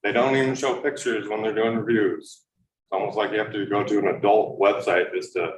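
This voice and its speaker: A man in his thirties, a parent speaking at public comment, earnest and halting with many fillers, captured as an official meeting-room recording. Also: on the low side, fairly even intonation. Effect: official meeting-room recording, like a courtroom tape. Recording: roomy hall recording from far off with faint background noise.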